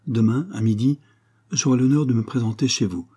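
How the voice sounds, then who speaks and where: A man's voice: medium pitch, fairly quick, warm tone, slightly rough, voice pushed up, close to an everyday voice. A man reading a grave solemn doctor. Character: grave learned male doctor, solemn and stern. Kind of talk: audiobook character reading.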